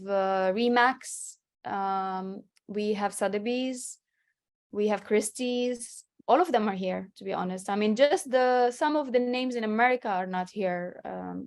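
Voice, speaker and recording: Speaking a little slowly in a mid-range voice, a woman in her 30s from Morocco appears as a guest real estate agent on a video call interview. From her home with a city skyline in the background, she explains things chattily and restarts often.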